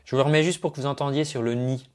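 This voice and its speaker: A man's voice: medium pitch, fairly even intonation, racing, darkish tone, slight background noise. A man working as a vocal coach, giving a chatty, explanatory spoken analysis of a singer's technique. He uses singing jargon and talks into his own microphone at a computer.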